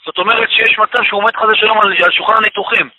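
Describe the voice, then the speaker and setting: A man's voice: sits high, steady tone, sharp tone, rough recording. A man giving an emotional personal testimony, repeating phrases for emphasis and weaving religious expressions into his speech. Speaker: guest telling a personal story.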